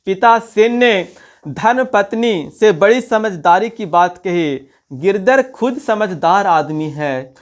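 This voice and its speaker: A man teaching a story lesson at an unhurried pace. He reads a line from the textbook, then retells it in local speech. He keeps asking who said what and answers his own questions. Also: high-pitched, animated. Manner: reads a passage, then retells it in local dialect and quizzes the listener. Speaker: Hindi teacher.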